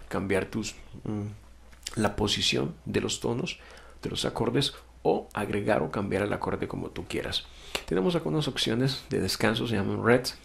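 A man teaching music software step by step in a screen-recorded tutorial, patiently explaining, correcting himself and checking in with "ok?". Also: on the low side, gravelly.

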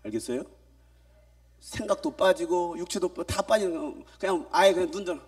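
A male pastor preaching to a youth gathering, swinging from shouts to hushed asides and firing questions at the congregation. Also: high voice, normal speed, recorded from a distance. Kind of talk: sermon. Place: church youth meeting hall.

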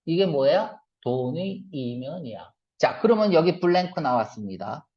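Male reading teacher, animated lecture delivery, fires off rhetorical questions, dull lo-fi recording. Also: fairly high pitch. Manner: asks the class quick questions and answers them himself; mixes casual and polite speech. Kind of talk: classroom lecture.

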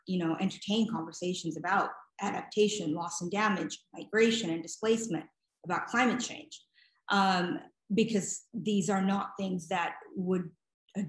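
On a video call from a room at home, a middle-aged woman, a nonprofit director appearing as a guest speaker, answers interview questions thoughtfully. Her mid-range voice hesitates as she searches for words, repeating them while she thinks. The computer mic picks up a roomy echo.

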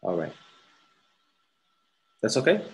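A man's voice: takes it slowly, poor audio. A man tutoring a student one-on-one for a grammar exam, patiently repeating words to correct pronunciation. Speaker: English tutor. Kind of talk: one-on-one TOEFL grammar lesson.

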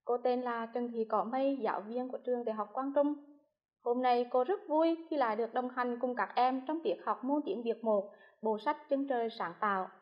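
A female primary school teacher giving a televised lesson to first graders, speaking slowly and spelling things out with careful, clear articulation. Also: a little high, dull audio. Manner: slow, clearly articulated classroom delivery.

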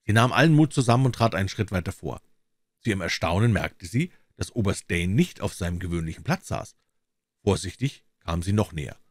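A man narrating a classic crime story as an audiobook reader, in a steady, expressive reading. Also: lowish voice, no room sound, clean studio sound.

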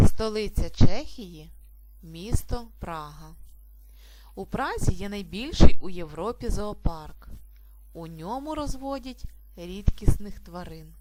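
Woman, teacher, video lesson, slow careful reading, clear stressed syllables, mid-pitched voice. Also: animated, warm tone. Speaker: primary school teacher.

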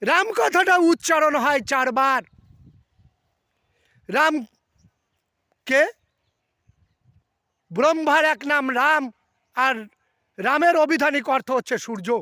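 A man hosting a video, giving a heated religious rebuttal to camera and chanting the mantra in a slow sing-song. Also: extremely high pitch, bright, forceful tone, no echo, clean studio sound. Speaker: video host answering a critic.

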